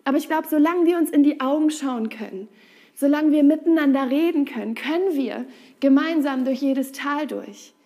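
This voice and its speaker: Eine Frau, die ernst, direkt und im Gesprächston predigt. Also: female voice, sits high, moderate pace, warm tone. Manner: earnest, direct, conversational. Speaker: preacher. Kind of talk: sermon.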